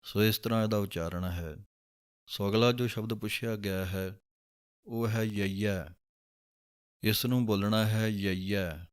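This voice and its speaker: A man teaching the pronunciation of scripture, explaining calmly and reciting lines slowly. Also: on the low side, smooth. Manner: calm, measured, drawing out recited verses.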